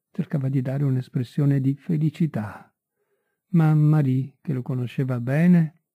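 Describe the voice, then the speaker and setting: A man reading a literary story aloud in a measured, unhurried way, on a tinny, dry recording. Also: a little high, gravelly, slightly rough, no echo. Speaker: audiobook reader. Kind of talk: literary audiobook narration.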